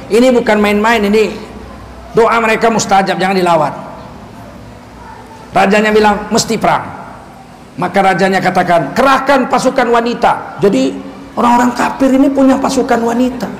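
A man with a high voice preaches, telling his stories in an animated way with jokes along the way. The sound is echoey, as in a large hall. Faint noise sits behind his voice. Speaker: Islamic preacher. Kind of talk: sermon storytelling.

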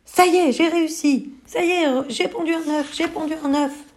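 A woman voicing a small, brave young hen in a storybook reading, with high, excited squeals. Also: normal speed, lightly acted.

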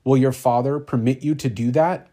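A man's voice: lowish voice, steady tone, slow, a little mellow. A man doing an anxious, devoted young friend. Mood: worried.

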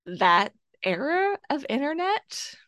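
A woman's voice: high-pitched, sing-song, slow, fairly bright tone, no echo. Chatty woman with a dry close sound. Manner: chatty, lots of "like" and "kinda". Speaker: podcast co-host. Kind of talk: casual book club chat. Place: home, with her cat nearby.

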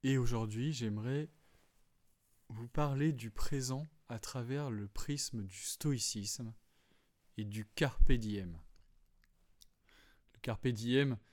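A man hosting a solo podcast, calmly explaining philosophy, with frequent fillers and restarts. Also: mid-range voice, slow, pauses often. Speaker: podcast host. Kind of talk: reflective solo talk on philosophy.

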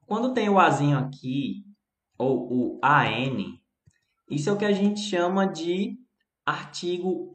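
Brazilian male English teacher, chatty live-stream host, slow delivery, echoey room. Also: sits high, a bit bright. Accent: Brazilian Portuguese. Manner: chatty, answers viewers by name, stretches example words. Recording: roomy echo.

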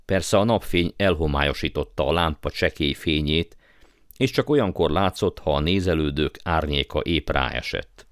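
A man reading a story aloud as narrator, in measured storytelling manner. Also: rumbling low, clear, resonant tone, dry recording, clean studio sound. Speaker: audiobook narrator. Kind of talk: scripted narration.

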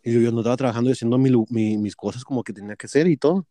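A man's voice: medium pitch, rapid-fire, warm tone, dry recording. A man with a Mexican accent telling a workplace story in casual chat, profane and gossipy, acting out both sides of a quarrel.

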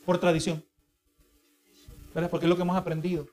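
A man's voice: high voice, level tone, a little fast, a little mellow, soft background music. A male preacher giving a sermon, earnest and explanatory, who keeps asking the congregation for agreement. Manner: asks the congregation for agreement again and again; earnest, explanatory, with repeated restarts.

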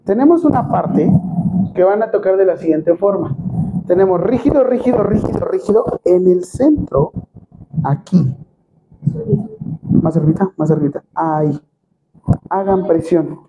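A man's voice: sits high, lively intonation, measured pace, pauses often. A man with a Mexican accent teaching a hands-on first aid class, joking and addressing the group directly. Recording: dull, noisy recording.

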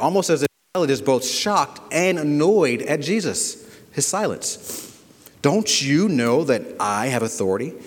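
A man's voice: mid-range voice, in a large hall. A man preaching a sermon as pastor, asking rhetorical questions and leaning hard on key words. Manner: preaching with rhetorical questions and sudden loud emphasis.

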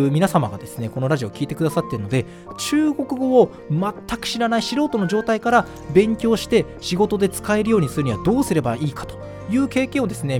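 Lively, quick-talking male podcast host. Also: a little high. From Fukushima, Japan. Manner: chatty and animated, many fillers. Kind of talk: solo podcast talk.

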